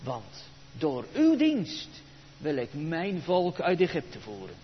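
A solemn, commanding God calling out, as a preacher speaks his words. The delivery is slow and deliberate. A long reverb and dull sound fill the recording. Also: fairly high pitch, wildly swooping pitch, a little hiss or hum, heavily acted.

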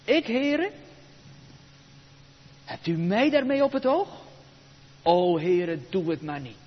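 A man's voice: high voice, very animated, slow, slightly rough, in a large hall, muffled recording, full character voice. A man preaching in a sermon, voicing the reluctant shepherd Moses as he pleads and objects. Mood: protesting.

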